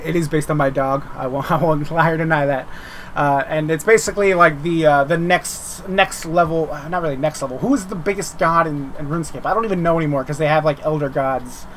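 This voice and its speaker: A man with a slightly higher-pitched voice talks through updates in a loose, informal ramble. He often circles back on his words, like a developer chatting on stream. Faint noise sits behind his voice. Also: brisk, fairly bright tone. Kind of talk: casual unscripted update commentary.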